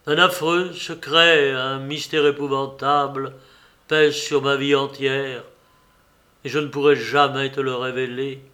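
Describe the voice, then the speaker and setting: A man's voice: mid-range voice, flat delivery, unhurried, sharp tone. A man voicing a desperate, tormented young male lover in an audiobook, with impassioned, pleading delivery. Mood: grave.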